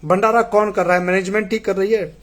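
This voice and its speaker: A man's voice: sits high, steady tone, brisk, a bit bright. A man hosting a live stream, reading viewer messages and answering them in an earnest, argumentative way.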